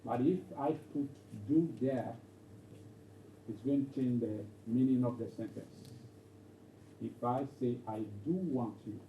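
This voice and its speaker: An English teacher explains grammar at a steady middle pitch, repeating himself and checking in with his class. He was recorded from a distance in an echoey classroom. The sound is dull and lo-fi, with faint noise behind him. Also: a little slow, pauses often. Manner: repetitive, checks understanding with "okay?".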